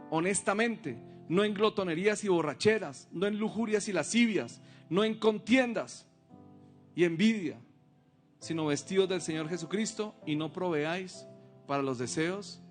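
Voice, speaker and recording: Pastor guy w a high voice preaching, reads scripture, asks the crowd questions, soft music behind. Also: lively intonation, normal speed. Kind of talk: sermon.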